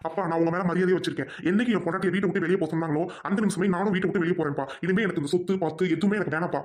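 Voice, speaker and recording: A hot-headed young husband, played by a performer in a family skit. He protests heatedly on his wife's behalf, firing off his words at a rushed pace. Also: medium pitch, lightly acted. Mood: angry.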